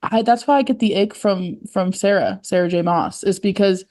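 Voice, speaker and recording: A chatty young woman co-hosting a podcast, rambling with a giggle in her voice and many filler words. She talks at a middle pitch in an easy, casual way. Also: moderate pace, dark tone. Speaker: podcast co-host. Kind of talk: casual chat.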